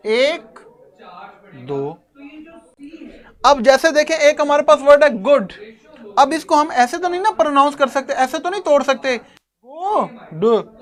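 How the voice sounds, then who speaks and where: A man teaching an English grammar lesson to a class, explaining step by step and addressing his students fondly. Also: very high voice. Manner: chuckles now and then.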